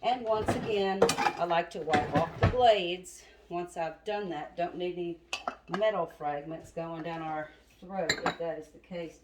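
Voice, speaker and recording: A woman's voice: on the low side, a little slow, very noisy. A woman, chatting to viewers as she demonstrates a recipe in her home kitchen, a bit out of breath. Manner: chatty, talks to viewers as y'all. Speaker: home cooking video host. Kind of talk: casual cooking demonstration. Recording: roomy kitchen with loud clatter. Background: chopping and clattering dishes.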